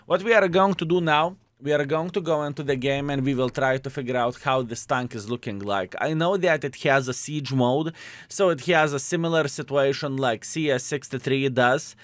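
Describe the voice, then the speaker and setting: Casually commenting on gameplay at a normal speed, this Lithuanian-accented video host has a mid-range voice and frequently addresses his audience as "fellas." The recording is dry.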